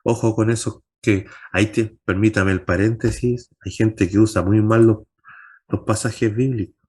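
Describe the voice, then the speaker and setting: A man teaching a Bible class as pastor, posing rhetorical questions and answering them himself, pushing his pitch up on key points. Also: steady tone, moderate pace, warm tone, slightly rough.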